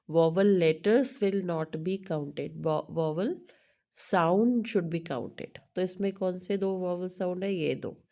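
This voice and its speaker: A woman's voice: medium pitch, a little mellow. A middle-aged woman teaching an English lesson in Hindi mixed with English, often checking in with the listener and correcting herself.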